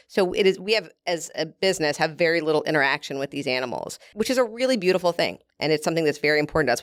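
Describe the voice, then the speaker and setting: A woman's voice: deep voice, dry recording, studio quality. A woman guest from a beef producer, explaining things at length in a casual interview and laughing easily.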